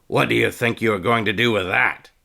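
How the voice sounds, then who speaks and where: A man voicing a gravelly scarred old trainer. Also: lowish voice, lively intonation, measured pace, bright, forceful tone, heavily acted. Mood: gruff. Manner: blunt, taunting. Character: gruff scarred older male trainer, harsh.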